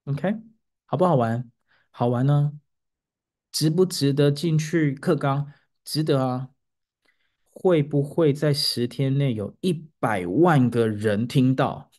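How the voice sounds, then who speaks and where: A man hosting a casual podcast as an English teacher, telling a classroom story and sounding out English words to show intonation. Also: slow pace. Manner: animated storytelling, pitch rising as he gets excited; demonstrates English word intonation aloud.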